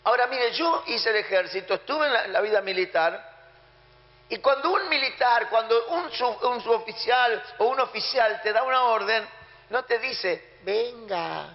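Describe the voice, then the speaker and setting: A man's voice: very high-pitched, lively intonation, moderate pace. A man with an Argentine accent preaching a sermon emphatically, acting out the prayers and orders he talks about. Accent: Argentine Spanish. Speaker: pastor. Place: church hall. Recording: muffled sound in a reverberant hall.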